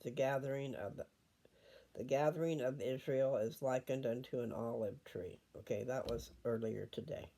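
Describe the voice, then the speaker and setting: At home, an older man reads scripture and chats casually, unhurried and wandering as he thinks out loud. His voice is medium in pitch, gravelly, and mellow.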